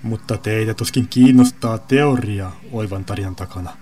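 A man narrating a science fiction story and voicing its characters in a lively storytelling manner. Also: lowish voice, over music. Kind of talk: audio drama narration with voiced characters.

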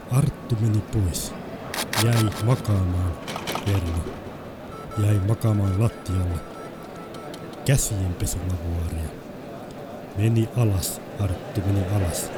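A man's voice: fairly low pitch, warm tone. A man reading short stories aloud in a terse, clipped, matter-of-fact way. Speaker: story reader.

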